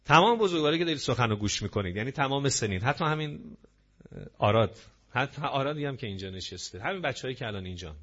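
A man's voice: mid-range voice, lively intonation, fairly bright tone. A man giving a religious sermon to a gathering, emphatic and full of rhetorical questions. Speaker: preacher. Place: gathering hall with audience. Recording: dull lo-fi audio.

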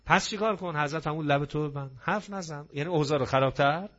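Man, preacher, sermon voice, slightly high pitch, dull muffled audio, emphatic, rhetorical questions. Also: a bit bright. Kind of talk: religious sermon to a gathering. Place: gathering hall with audience.

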